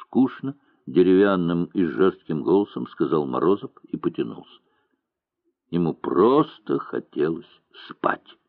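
A man narrating a novel as an audiobook in a measured, expressive reading, in a dry, tinny recording. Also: low voice, vocal fry, dry recording. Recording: dry, tinny narrow-band sound.

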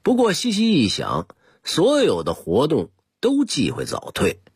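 Raspy man, very lively pitch. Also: measured pace. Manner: chatty storyteller, addresses listeners directly. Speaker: radio presenter. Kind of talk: scripted radio talk on old customs.

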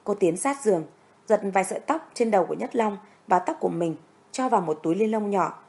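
A woman reads a dramatic story aloud in a steady, scripted narration. Her delivery is even and dramatic and stays in the middle of the pitch range for a woman. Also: fairly quick.

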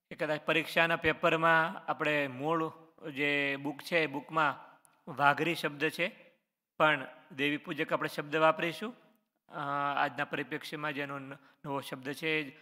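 A man's voice: a little high, sharp tone, big-room sound. A man, a religious teacher reading out quiz questions on scripture stories and answering each one, with short explanations. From Gujarat, India.

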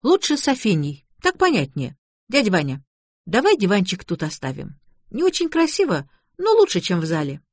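A woman's voice: mid-range voice, wildly swooping pitch, normal speed, no echo, clean studio sound, voice pushed up. A woman voicing a chatty, stubborn young woman who talks in folksy sayings and baby-talk words.

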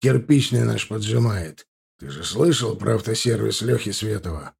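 A coarse, hot-tempered crime boss, voiced by a male audiobook reader, barking orders in a gravelly voice. He is blunt and bossy. The tone is dark and husky. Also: on the low side, animated, moderate pace, exaggerated voice. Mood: demanding.

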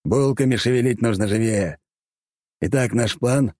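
A man's voice: medium pitch, moderate pace, mellow, dry recording, studio quality, voice pushed up, natural voice. A man voicing a sarcastic, grinning male war buddy with a mocking, crude manner in an audiobook. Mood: teasing.

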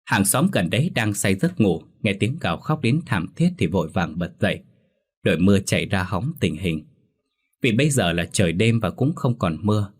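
Man, low voice, husky, steady horror story narration.

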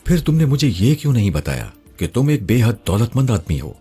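A man voicing an emotional, wary young woman, his friend's wife, in a spoken story, speaking in a raised pitch with a pleading, reproachful tone. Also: sing-song, mellow, breathy edge, faint music behind. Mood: earnest.

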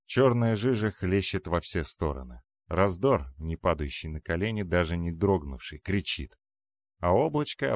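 A man narrating a dark fantasy audiobook in the first person with a dramatic, expressive reading. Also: low voice, dry recording.

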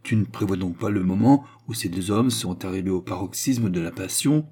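A man voicing a scheming, disdainful male baronet villain, with a low, husky voice. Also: fairly quick, warm tone, soft background music. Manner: disdainful, calculating.

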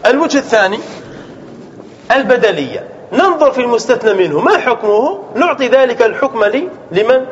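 A man with a very high-pitched, expressive voice teaches a grammar class at a brisk pace. He quizzes his students, answers the questions himself, and keeps repeating key terms, all captured in a dull lo-fi classroom recording with faint room noise.

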